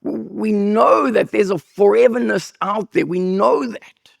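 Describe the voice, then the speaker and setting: A man preaching a sermon as pastor, with an accent, telling humorous stories with sudden high bursts of emphasis. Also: slow, dry recording, studio quality. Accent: non-local accent. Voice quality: gravelly, husky voice. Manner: animated, jokey storytelling with sudden high bursts.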